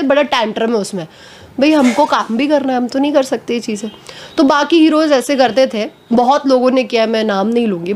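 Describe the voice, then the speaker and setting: A woman actress giving a casual interview at home, talking frankly and a little hoarse from a cold, slipping English phrases into her speech. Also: fairly high pitch, darkish tone.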